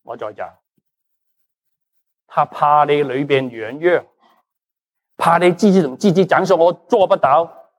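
A man preaching a sermon in a lively, animated way. He is a Cantonese speaker who slips in English words and keeps asking the congregation questions, then answers them himself. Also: on the high side, measured pace, pauses often. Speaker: pastor.

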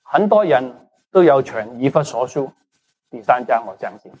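A Cantonese-speaking pastor preaches a lively, animated sermon at a moderate pace in a medium-pitched, slightly breathy voice. He slips in English words and keeps questioning the congregation, then answering himself.

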